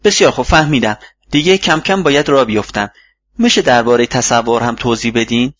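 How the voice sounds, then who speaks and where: A man's voice: mid-range voice, animated, a bit bright, dry recording. A man voicing a busy younger man seeking advice in an audiobook, earnest and a little plaintive. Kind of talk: audiobook reading. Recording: dull lo-fi recording.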